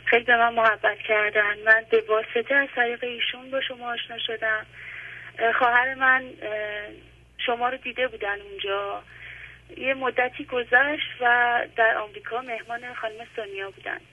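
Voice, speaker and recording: A woman's voice: a little high, fairly even intonation. A woman calling in to a radio program from her home, speaking earnestly and gratefully with hesitant fillers over a phone line. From Iran. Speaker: caller. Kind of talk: phone-in call.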